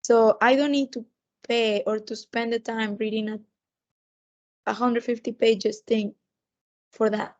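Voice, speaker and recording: Higher-pitched woman with a sore, swollen throat. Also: darkish tone, muffled recording. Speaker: podcast co-host. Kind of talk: casual chat.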